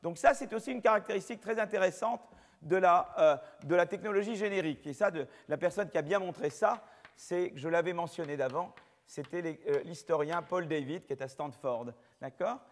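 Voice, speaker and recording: A man lecturing students in a hall, speaking off the cuff, lively and digressive, joking with the class and often addressing them directly. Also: high-pitched, a little fast. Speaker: professor lecturing. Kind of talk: unscripted university lecture.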